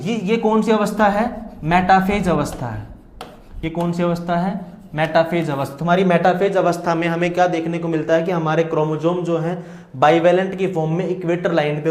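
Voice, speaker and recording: A man with a fairly high voice leads an exam-prep lecture. He talks through each step and keeps asking questions, then answers them himself. The sound is roomy and echoing. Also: a little mellow. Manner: explains step by step, asks and answers his own questions. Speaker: teacher.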